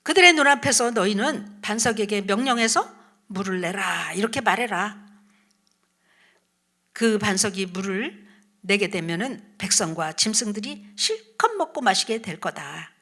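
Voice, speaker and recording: A woman voicing God, who gives calm, kind instructions in her own voice. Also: mid-range voice, measured pace, full character voice. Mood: instructing. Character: God speaking calmly to a leader.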